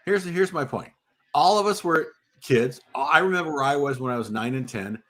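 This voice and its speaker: A man's voice: on the high side, lively intonation, normal speed, a bit bright. A man on a casual live panel, prodding with questions and interrupting to ask again. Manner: probing questioner, interrupts with "hold on".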